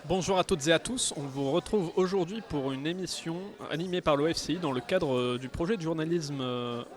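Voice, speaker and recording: A man's voice: fairly high pitch, a little fast. A man hosting a radio panel at a public event, hesitant with many fillers. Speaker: radio host. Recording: crowd noise at a public event. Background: crowd chatter.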